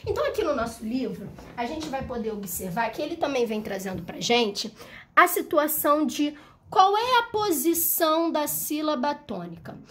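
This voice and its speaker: A woman teaching a primary school video lesson, her high voice swinging widely up and down. She explains patiently and step by step, checking in with her young pupils often. She sings out example words to show the stressed syllable. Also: very animated, moderate pace, a bit bright.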